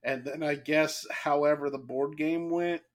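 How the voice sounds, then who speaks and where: A slightly hoarse man hosting a casual podcast chat, rambling and halting with lots of fillers and restarts. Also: a little high, steady tone. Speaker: podcast host.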